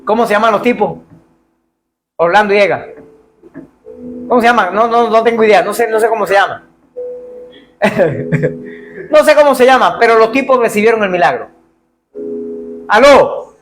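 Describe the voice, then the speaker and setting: A man preaching a lively sermon, calling out to the congregation and acting out the cries of the blind men. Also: high voice, moderate pace, pauses often, low-quality recording. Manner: animated, calls out to congregation, acts out biblical cries. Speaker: pastor.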